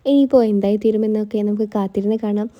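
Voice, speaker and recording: A woman's voice: medium pitch, fairly even intonation, racing, muffled recording. A woman hosting a channel, casually retelling a TV serial episode scene by scene in a chatty storyteller's way. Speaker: serial recap channel host.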